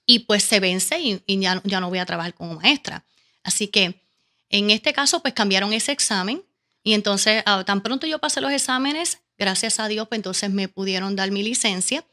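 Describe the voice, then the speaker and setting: A woman's voice: medium pitch, normal speed, bright, forceful tone. A woman with a Caribbean Spanish accent telling a personal story casually as an interview guest, animatedly acting out her own questions and remarks. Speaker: interview guest, teacher and educational consultant.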